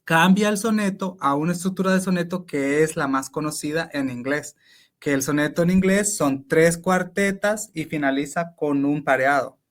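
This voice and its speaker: Speaking at normal speed, a man with a Honduran Spanish accent and a fairly high voice for a man walks through ideas step by step as an interview guest. He's reflective and conversational, frequently restarting sentences as if teaching while thinking aloud.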